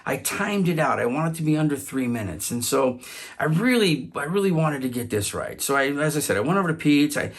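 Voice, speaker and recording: A man telling a personal story, halting often to repeat and restart his words. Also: fairly high pitch, sing-song.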